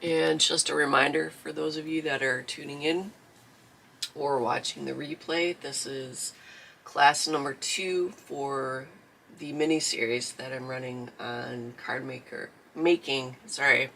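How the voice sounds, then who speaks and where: Chatting casually before his livestreamed crafting lesson, a southeastern Michigan man speaks at a measured pace with fairly even intonation. His medium-pitched voice is gravelly, bright and forceful, scratchy from allergies, and he rambles with plenty of fillers.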